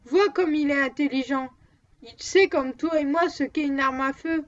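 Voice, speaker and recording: A woman's voice: high voice, moderate pace, close to an everyday voice. A woman reading the part of a patient, determined man who owns a wild dog, in an audiobook on a dull lo-fi recording. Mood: urgent.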